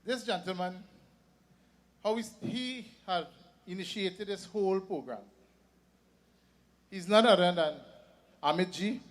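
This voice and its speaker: A man's voice: high-pitched, unhurried, pauses often. A man, an event organizer addressing a festival crowd. He reads through a long list of sponsors, then talks more freely, with restarts and repeated words. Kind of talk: public address at a religious festival.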